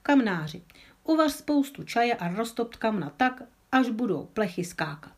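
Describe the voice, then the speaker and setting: A woman voicing an older village mayor who briskly hands out tasks to his neighbours in a storybook reading. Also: a little high, big pitch swings, pitched above the performer's own voice. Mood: commanding. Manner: barking orders. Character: bossy village mayor, older man, commanding.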